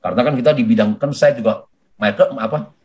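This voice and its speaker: Guy rattling off network marketing sales tips, quick and animated, keeps saying sir to the audience. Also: mid-range voice. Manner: animated, addresses listeners as "Pak" constantly; acts out sales dialogues. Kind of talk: motivational sales coaching talk.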